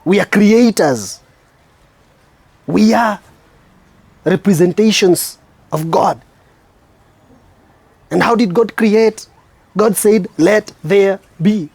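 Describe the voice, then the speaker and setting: High-voiced Kenyan man preaching. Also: a little mellow, slightly rough, dry recording. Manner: preachy, emphatic, drawn-out slow stresses. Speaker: show host and spoken word artist. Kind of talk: reflective spoken-word monologue.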